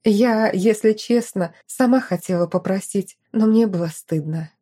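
Woman voicing a countess mother, tender, tearful, soft-spoken, warm mellow voice. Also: medium pitch, unhurried, slightly rough.

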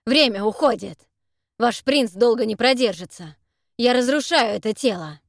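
A woman voicing an impatient, growling monster who urges people on forcefully in an audiobook. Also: medium pitch, expressive, takes it slowly, slightly rough, no room sound, studio quality, full character voice. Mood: growling urgency. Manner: growling, insistent. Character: impatient monster in a prince's body.

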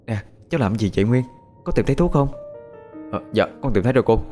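A man voicing a hardworking, kind aunt in a spoken story, talking quick and higher-pitched. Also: animated, warm tone, soft background music, lightly acted. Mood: hurried.

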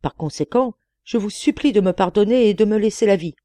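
A woman's voice: medium pitch, expressive, fairly quick, mellow, no echo, pitched above the performer's own voice, natural voice. A woman doing a trembling, pleading merchant. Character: frightened male merchant pleading for his life. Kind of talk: audiobook reading.

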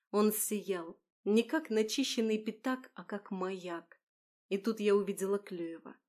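A woman's voice: mid-range voice, a little mellow. Woman narrating a dramatic story. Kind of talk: first-person scripted story narration.

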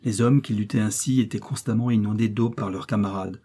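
A man narrating a classic novel as an audiobook, reading in a measured, steady storytelling manner. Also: fairly low pitch, breathy edge.

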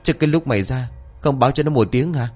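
A man's voice: medium pitch, fast, husky, soft background music, pitched above the performer's own voice, lightly acted. A man voicing a short-tempered older gang boss who snaps and scolds. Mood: gruff. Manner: snapping, scolding.

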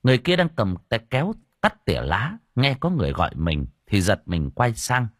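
A man narrating an audiobook story in an expressive telling. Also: on the low side, normal speed, no room sound, clean studio sound. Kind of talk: scripted narration.

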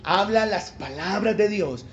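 Man, pastor, high voice, emphatic sermon, muffled live recording. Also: animated, a little slow, a little hiss or hum. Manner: emphatic, rhetorical questions to the congregation. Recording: dull live church recording with faint ambience.

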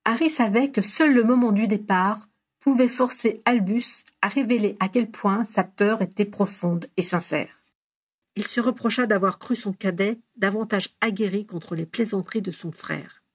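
A woman reading a story aloud as narrator, steady and even, with the voice recorded close. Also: medium pitch, moderate pace, slightly rough, no room sound. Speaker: audiobook reader.

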